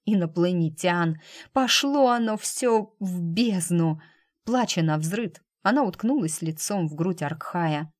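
Audiobook reader: woman, lowish voice, measured and dramatic, close dry recording. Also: darkish tone, no echo. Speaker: audiobook narrator. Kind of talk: scripted narration.

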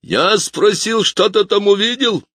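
A man voicing a menacing adult showman villain who shouts in a theatrical, booming way. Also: a little slow, no room sound, studio quality. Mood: mocking.

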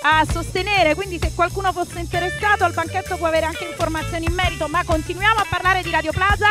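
Very high-voiced woman, radio co-host. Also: fairly even intonation, fast. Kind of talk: live casual radio chat. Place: live outdoor broadcast in a town square. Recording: music playing behind the voice.

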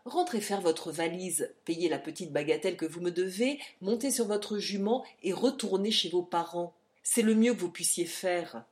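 A woman reading the lines of a sober middle-aged stable keeper, calm and advising. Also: on the low side, normal speed, hardly any pauses, lightly acted.

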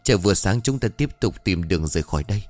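A male narrator voicing a young village man in a ghost story, steady and reassuring. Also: sits low, racing, no echo, faint music behind.

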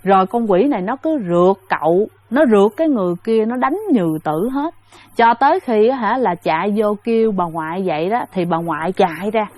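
A woman's voice: medium pitch, expressive, brisk, a little mellow, no echo. A woman telling a ghost story in a chatty way, speaking straight to her listeners with many fillers. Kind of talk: casual spoken ghost story.

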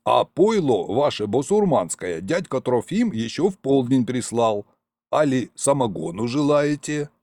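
A man's voice: mid-range voice, very animated, a little slow, a little mellow, no echo. Man doing an old-fashioned house spirit. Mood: courteous.

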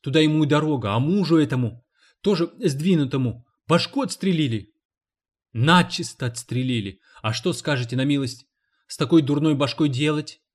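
A man voicing a loud, indignant woman cleaner in an audiobook, shrieking and scolding. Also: normal speed, lightly acted. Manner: shrill, exclaiming, scolding.

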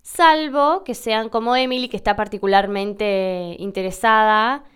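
A young adult woman from Argentina with an Argentine Spanish accent, hosting a podcast and explaining pronunciation slowly and carefully. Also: mid-range voice, a bit bright, clear, resonant tone. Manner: slow, careful demonstrations of pronunciation. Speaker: podcast host answering listener questions.

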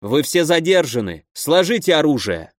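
A man reading an audiobook, voicing a short, plump, shifty town guard commander who talks in a gruff commanding tone. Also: on the high side, big pitch swings, moderate pace, no room sound, studio quality. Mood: shrill, accusing.

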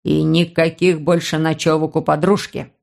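A woman's voice: low voice, fairly even intonation, a little slow, creaky, pitched below the performer's own voice. A woman voicing a sarcastic, domineering man who mocks and hisses at his young sister, in a Russian audiobook. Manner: mocking, hissing.

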